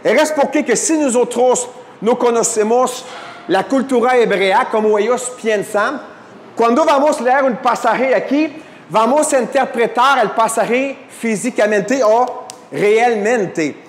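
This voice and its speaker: A man's voice: extremely high pitch, takes it slowly, a little hiss or hum. A man teaching a Bible class to a live audience, often checking in with questions and slipping in English fillers. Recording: echoey hall.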